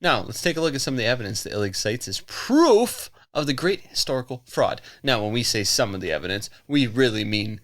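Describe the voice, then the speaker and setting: A man's voice: medium pitch, very animated, brisk, few pauses, fairly bright tone. Giggly male podcast storyteller. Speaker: podcast co-host. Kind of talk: casual chat.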